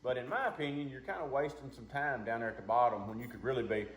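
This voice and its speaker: A man's voice: medium pitch, fast talker. A man giving a casual, hands-on lesson as a duck calling instructor, talking in a folksy, plain-spoken way. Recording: muffled, roomy, with background noise.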